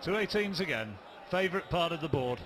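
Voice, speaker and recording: A man's voice: a little high, animated, fairly quick, a bit bright. A man giving live darts commentary, with a noisy crowd behind him.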